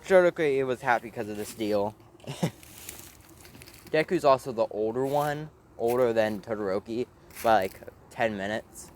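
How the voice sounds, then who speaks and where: A man's voice: mid-range voice, normal speed, a little mellow, a little hiss or hum. A man casually narrating a made-up fan story, rambling, with fillers and the odd swear word.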